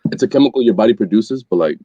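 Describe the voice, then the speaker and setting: A man's voice: on the low side, expressive, warm tone. A man talking casually on a podcast, his voice muffled as if heard through a wall because it comes from a computer mic. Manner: slangy, quick, laid-back. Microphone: computer microphone instead of headset.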